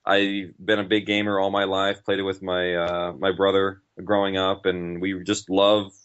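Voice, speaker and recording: Deep, clear and resonant, with a fairly bright tone, this podcast writer and director's voice stays level at a moderate pace as he rambles enthusiastically as an interview guest. The audio, though, is dull and lo-fi.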